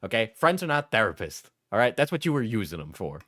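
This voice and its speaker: A man's voice: on the low side, very animated, fast, fairly bright tone. A man giving casual reaction commentary in a blunt, profane, mocking way.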